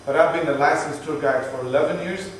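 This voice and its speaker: A man's voice: on the high side, fast. A tour guide, chatting patiently to his group on a moving bus. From Palestinian, from Jerusalem. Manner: chatty, explaining patiently with jokes. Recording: echoey distant voice, bus noise.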